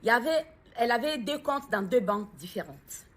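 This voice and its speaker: A grieving mother talks in a personal video, halting as she looks for the right words and then putting earnest questions forward insistently. Her voice is a little high, animated and a bit bright.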